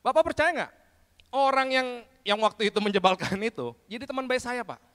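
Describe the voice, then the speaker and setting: A man preaching a testimony sermon, telling his story in a lively storytelling way and often addressing listeners directly. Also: very high voice, a little fast. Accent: Indonesian. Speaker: pastor. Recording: long hall reverb.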